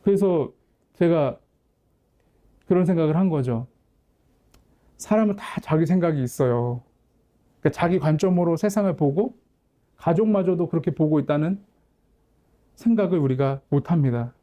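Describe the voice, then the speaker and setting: Candid Korean pastor telling a family story. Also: male voice, a little high, lively intonation, moderate pace, pauses often, mellow. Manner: candid, conversational storytelling with quoted dialogue. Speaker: pastor and counselor. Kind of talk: storytelling sermon.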